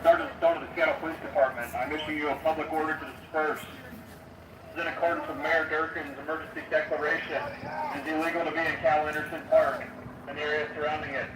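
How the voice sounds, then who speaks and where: Man's flat orders blasting from a sound cannon. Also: a little high, quick pace. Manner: flat, formal, commanding delivery. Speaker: police sergeant. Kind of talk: reading a formal dispersal order. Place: outdoors in a city park. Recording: distant echoey livestream with loud street noise.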